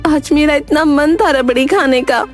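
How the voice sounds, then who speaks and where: A woman voicing a scolding young village wife in a cartoon, who talks in a sharp, nagging way. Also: high voice, normal speed, lightly acted. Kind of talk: Hindi cartoon dubbing. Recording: background music under voice.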